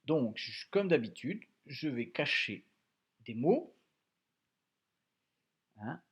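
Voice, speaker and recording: A man teaching young children a dictation lesson at home, slowly and patiently spelling out syllables and sounds. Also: medium pitch, sing-song, husky, lo-fi sound. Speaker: primary school teacher.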